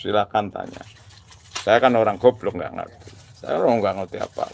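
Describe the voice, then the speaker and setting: A man's voice: lowish voice, normal speed, gravelly, darkish tone, a little hiss or hum. A man tinged speech talking to his viewers in a casual monologue, preachy and mixing religious phrases slang. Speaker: video maker addressing viewers.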